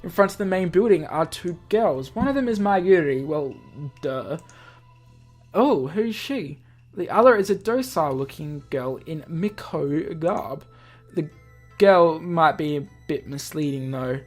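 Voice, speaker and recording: She's a gaming video host with a deep, slightly mellow voice, unhurried yet lively in intonation. Reading a visual novel aloud over its video game music, she breaks in now and then with casual chatter of her own.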